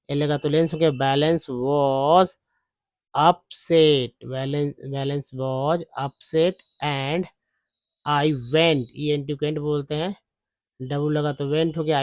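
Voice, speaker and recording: A man talks through an English reading lesson, breaking words into letters and repeating them. He speaks very slowly in a slightly high voice. The recording is dry and close. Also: darkish tone, dry recording. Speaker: English teacher. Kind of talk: spelling and pronunciation lesson.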